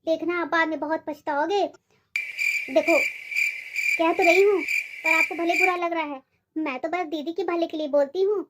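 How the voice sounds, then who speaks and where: A woman's voice: very high voice, fairly even intonation, moderate pace, long pauses, heavy background noise. A woman playing a sly, sweet-talking young daughter-in-law who placates her mother-in-law in a comedy skit. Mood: placating. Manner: sugary, placating. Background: background music.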